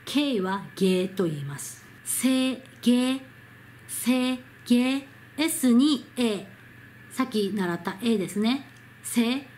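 A Korean woman teaching Hangul to learners in Japanese, repeating each sound slowly and drawing it out. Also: mid-range voice, slight background noise. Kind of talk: slow, careful pronunciation lesson.

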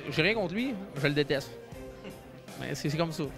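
A man's voice: a little high, expressive, normal speed, creaky, over music. A man with a Quebec French accent, a boxer giving blunt, brief interview answers. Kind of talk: casual interview.

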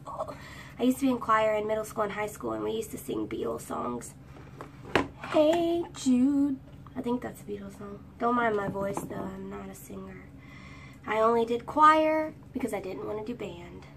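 A woman in her twenties with a high, girlish voice rambles and sings snatches of songs while doing her hair for a get-ready-with-me storytime vlog. She sounds very animated, speaks at a moderate pace with some creak, and is recorded by a phone camera at arm's length in a small room, with distant mic sound, faint room ambience, and background noise.

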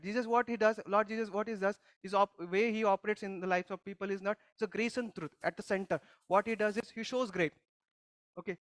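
A man's voice: high-pitched, a bit bright, no room sound. A male pastor giving a conversational sermon, teaching by putting questions to the congregation and often restarting his sentences. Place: church service.

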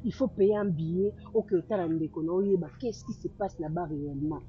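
A woman's voice: on the high side, lively intonation, natural voice. An actress playing a worried, outspoken young woman who scolds her friend insistently, in a film drama with dull lo-fi sound. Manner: insistent, scolding, quick interruptions. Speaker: friend giving advice. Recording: dull lo-fi sound with faint music.

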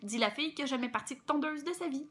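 Quebecois singing teacher lady, high voice, playful warm-up lesson. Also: fast talker. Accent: Québécois French. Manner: playful, animated, demonstrates sounds.

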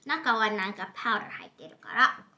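A woman's voice: mid-range voice, brisk, pushed and bright, muffled recording. A young girl casually reviewing candy at a home table, chatty and giggly, now and then slipping into English phrases. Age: child.

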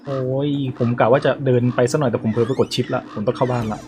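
A young man giving casual commentary on a horror game, talking nonstop to calm his nerves and swearing when startled. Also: mid-range voice, fast, background noise. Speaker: gameplay streamer.

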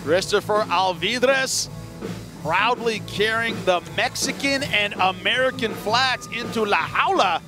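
A male play-by-play commentator with a high voice calls a live fight. Music is clearly heard behind him. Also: a little slow.

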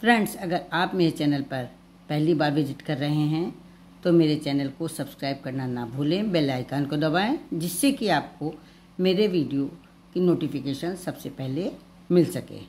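A woman with a Hindi accent teaching a knitting pattern step by step, calm and patient, repeating each instruction slowly. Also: low-pitched, a little hiss or hum.

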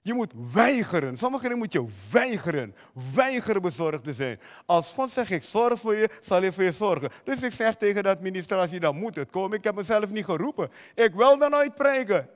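A man's voice: high voice, sing-song, a little fast, few pauses, in a large hall. A man preaching a sermon as pastor, emphatic, often putting direct questions to the congregation. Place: church hall.

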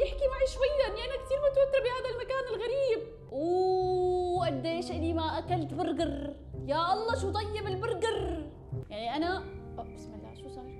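A woman with a Levantine Arabic accent giving excited, jokey gameplay commentary, full of gasps and shrieks. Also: very high-pitched, reverberant. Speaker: gaming YouTuber.

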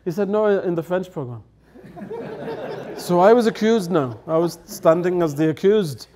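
Here the elder guest, a middle-aged native English speaker, spins chatty stories at a table before dark studio curtains, laughing as he performs the quoted lines. He speaks a little slowly in a high, dark-toned voice that swings widely in pitch, with a slight hiss or hum in the recording.

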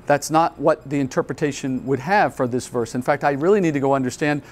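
A man with a mid-range voice speaks fairly quickly while delivering Bible teaching as a pastor at a conference hall. His earnest, step-by-step explanation is peppered with rhetorical questions.

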